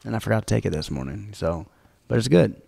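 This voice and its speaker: A man's voice: on the low side, animated, fast, vocal fry, mellow, breathy edge, long reverb tail. A man hosting a casual podcast, joking and laughing often between reading listener questions. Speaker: podcast host.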